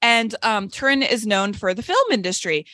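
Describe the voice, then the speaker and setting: A young American woman telling a funny travel story in casual chat, animated and full of "like", acting out the voices she quotes. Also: medium pitch, moderate pace, no room sound. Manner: animated, heavy "like" filler, acts out quoted voices. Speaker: guest storyteller.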